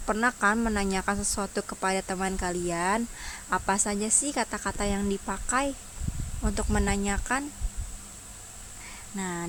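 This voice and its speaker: A woman's voice: mid-range voice, background noise. A woman primary school teacher, giving an online lesson to young children and patiently asking them questions before answering them herself.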